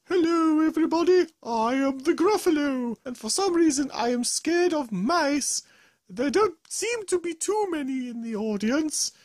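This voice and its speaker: The host voicing a Gruffalo monster who is scared of mice, speaking high and theatrically. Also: expressive, unhurried, darkish tone, no echo. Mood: boastful. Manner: squealing, panicky, theatrical.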